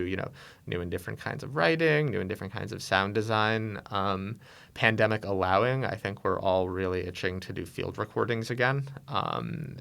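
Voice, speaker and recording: A man on an audio production team talking in a thoughtful, halting way, with many ums. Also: low-pitched, creaky, a bit bright. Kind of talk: casual reflective talk.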